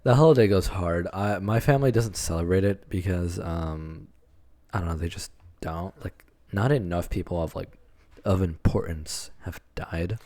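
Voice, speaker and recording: Chill guy with a really low voice, cussing casually on a podcast. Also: normal speed, dark tone. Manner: laid-back, swears casually. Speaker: podcast co-host. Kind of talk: casual chat.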